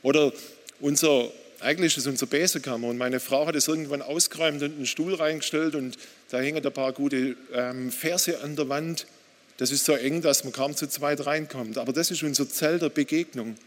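A man's voice: fairly high pitch, fairly even intonation, a little fast. A man preaching a sermon, speaking straight to the listener with questions and reading quoted passages with growing intensity. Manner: direct, addresses listener with questions; reads quotes aloud with rising intensity. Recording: long hall reverb.

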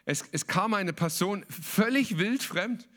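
A male pastor delivers a sermon in an emphatic, colloquial way. He slips English words into his talk. His voice sits somewhat high. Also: expressive, unhurried, fairly bright tone.

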